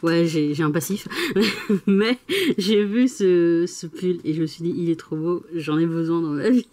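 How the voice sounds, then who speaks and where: A young adult woman chatting casually in a vlog, giggling often and getting excited as she talks about her day. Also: fairly low pitch, a little slow. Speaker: vlogger.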